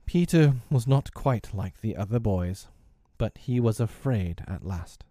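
Low, mellow man reading a storybook. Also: animated, no room sound, clean studio sound. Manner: gentle, measured reading. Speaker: narrator. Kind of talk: storybook narration.

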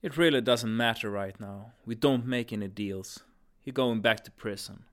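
A man's voice: on the low side, moderate pace, lightly acted. A man playing a firm agency commander. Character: stern male time-travel agency commander. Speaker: actor in an audio drama. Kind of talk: audio drama acting.

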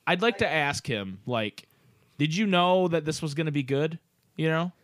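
A man's voice: a little high, lively intonation, moderate pace, a bit bright, dry recording. A man hosting a video game podcast, chatting casually and rambling with lots of fillers. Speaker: podcast host. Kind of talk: casual chat.

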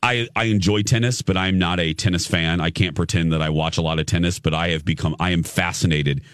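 Man, morning radio host, lowish lively voice, opinionated casual chat, dry studio sound. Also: a little fast, no room sound. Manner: opinionated, informal.

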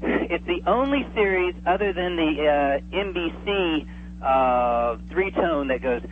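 Slow and expressive, a slightly high-voiced man joins a radio show by phone from afar, talking casually and enthusiastically as the interview guest. The connection is tinny, with a clear hum.

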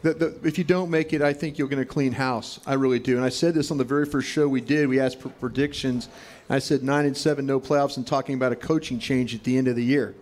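A man's voice: medium pitch, fairly even intonation, fast, a little mellow. A man giving blunt opinions as a football panelist, repeating himself with many fillers. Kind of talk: casual panel chat.

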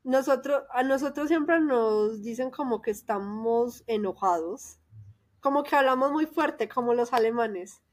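A young Colombian woman with a paisa accent, chatting as a podcast guest in a lively, laughing, storytelling way. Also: a little high, a little slow. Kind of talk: casual conversation.

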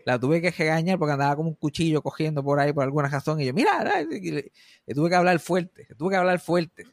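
Lively young man telling stories, dry sound. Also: on the high side, fast talker, no echo. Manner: lively storyteller, swearing and mixing in English phrases. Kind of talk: casual chat.

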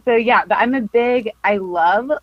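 On a lo-fi recording without echo, a woman with a slightly high voice speaks a little slowly. She is a film photographer in her twenties from Costa Mesa, California, a podcast guest in a casual interview who laughs often and leans on likes and ums.

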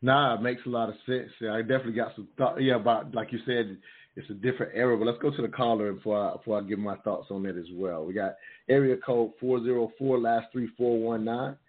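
A man hosting a call-in talk show, speaking in a relaxed, friendly, affirming way. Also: mid-range voice, quick pace. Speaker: host. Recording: tinny phone-like audio.

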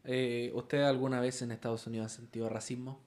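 A man's voice: medium pitch, level tone, brisk, a little mellow. A Chilean man talks loosely on a podcast and packs his speech with local slang. He steers the conversation by asking the others questions. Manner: slangy, chatty, asks the questions. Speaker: podcast co-host. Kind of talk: casual chat.

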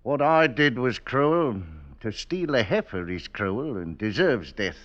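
An actor playing a rough, fatalistic male prisoner awaiting hanging in an old radio drama. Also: medium pitch, lively intonation, unhurried, a bit bright. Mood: brooding. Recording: dull old radio recording.

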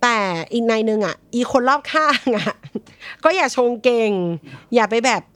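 A woman's voice: on the high side, measured pace, background noise. A young woman talking in a blunt, slangy, teasing way as she gives breakup advice in a casual chat. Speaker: podcast co-host giving breakup advice.

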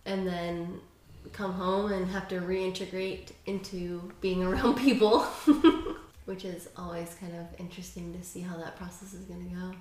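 A woman's voice: on the low side, fairly even intonation, a little slow, darkish tone. A woman guest chatting casually on a podcast in a bubbly, giggly way, with many fillers. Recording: roomy echoey room.

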